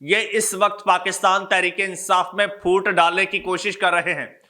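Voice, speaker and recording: A man with a Pakistani accent hosts political news commentary for his viewers, speaking emphatically and repeating phrases to drive his points home. His voice is high, bright and forceful, delivered flatly at a normal speed.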